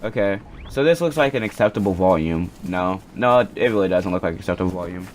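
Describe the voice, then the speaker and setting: Background noise accompanies a young vlogger with a low, animated voice who talks fast. Telling a personal story into a cheap home mic, he rambles, swears freely and keeps interrupting himself.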